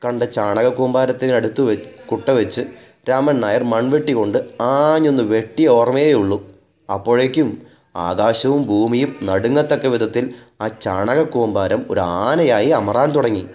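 A man reading a story aloud in a measured, wry narrating manner. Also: mid-range voice, darkish tone.

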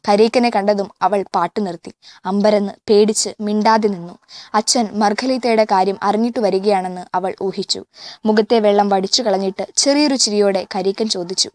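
A woman reading a novel aloud in a measured, even way, now and then stopping to correct a slip. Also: mid-range voice, no echo, studio quality. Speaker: audiobook reader.

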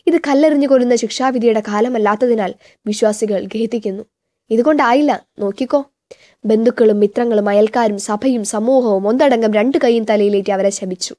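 A woman reading a novel aloud in a steady, measured narration. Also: medium pitch.

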